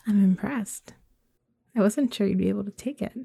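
A woman voicing a doting, controlling motherly figure in an intimate audio roleplay, mostly whispering in a hushed, soothing way. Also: medium pitch, normal speed, vocal fry, slightly rough, no room sound, studio quality. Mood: teasing.

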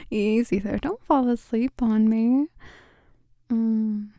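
A young woman speaks in a hushed, breathy whisper that drifts into gentle low talk, tender and soothing throughout. Her voice is a touch high yet very flat and unhurried, with a deeply mellow, warm tone. The sound is dry and close, as if right beside the ear. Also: no room sound. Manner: tender and soothing, with quiet laughs. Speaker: ASMR creator. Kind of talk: ASMR girlfriend roleplay.

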